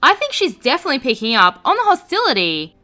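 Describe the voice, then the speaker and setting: A high, bright woman's voice swinging widely up and down as she reads online stories aloud. She gives each post's comments a sarcastic, expressive edge, with faint music playing underneath. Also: fast talker. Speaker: narrator. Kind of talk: reading reddit stories aloud.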